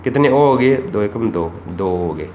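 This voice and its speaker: A man's voice: on the low side, animated, measured pace, darkish tone, dull audio. A man teaching chemistry for exams, asking rhetorical questions and repeating the key points. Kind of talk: exam-prep lesson. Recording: echoey room with faint background noise.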